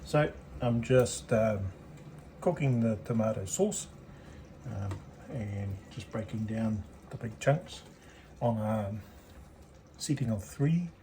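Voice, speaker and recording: A man's voice: lowish voice, animated, takes it slowly, dark tone. New Zealand man cooking in a noisy kitchen. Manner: informal, hesitant, thinking aloud while working. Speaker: home cook presenting a cooking video. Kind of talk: casual cooking demonstration. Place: home kitchen.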